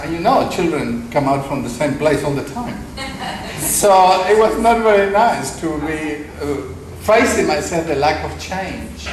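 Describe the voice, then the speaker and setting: A middle-aged man speaks at a conference, trading in wry, self-mocking stories. His voice carries through a roomy, echoing hall with a steady wash of background noise behind it. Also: on the high side. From Argentina. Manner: anecdotal, self-deprecating humor. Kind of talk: conference talk.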